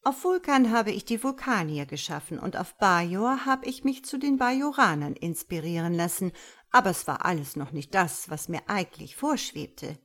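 A woman's voice: on the low side, lively intonation, moderate pace, fairly bright tone. A woman reading a storybook aloud and voicing a stately, commanding female God. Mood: gracious.

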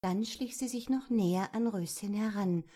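A woman narrating a children's storybook in a measured, gentle storytelling manner. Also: mid-range voice. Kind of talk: storybook reading.

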